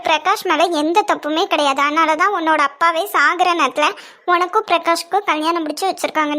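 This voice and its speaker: A woman's voice: extremely high pitch, bright, forceful tone, full character voice. A woman with a Kanyakumari Tamil accent voicing young women and a fussing mother in a family cartoon, with a scolding, teasing manner.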